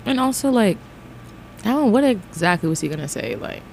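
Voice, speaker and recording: A woman's voice: medium pitch, very animated, brisk, creaky. A woman giving a casual, slangy reaction to music in a conversational way. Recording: faint vehicle noise in background.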